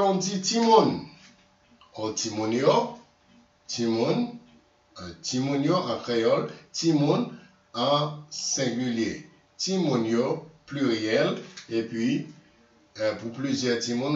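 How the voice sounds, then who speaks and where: A man teaching vocabulary in a slow lesson, repeating words and correcting himself. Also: mid-range voice, lively intonation. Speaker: language teacher. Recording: distant echoey room, dull lo-fi sound.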